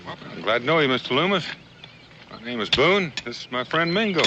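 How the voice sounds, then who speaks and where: A man's voice: medium pitch, big pitch swings, fairly quick. An actor playing an easygoing, plain-spoken frontiersman in a TV western, folksy and understated. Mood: friendly, curious. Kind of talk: 1960s television western acting. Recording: dull, noisy old TV soundtrack.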